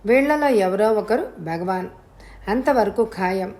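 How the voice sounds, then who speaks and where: Woman narrating a thriller audiobook, medium voice, steady and clear. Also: mid-range voice, a little slow. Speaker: storyteller.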